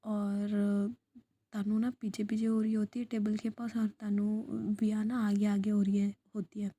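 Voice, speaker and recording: A woman telling a love story in soft, hesitant whispers with fillers, as whispered role-play. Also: medium pitch, level tone, measured pace.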